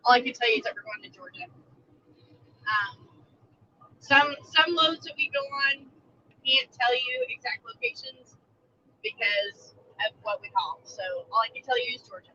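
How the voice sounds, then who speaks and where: Bubbly high-voiced woman. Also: normal speed, highs cut off, slight background noise. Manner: chatty, laughs often, animated storytelling. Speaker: co-host of a trucking live stream. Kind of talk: casual live-stream chat reading comments. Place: inside a truck cab on the road.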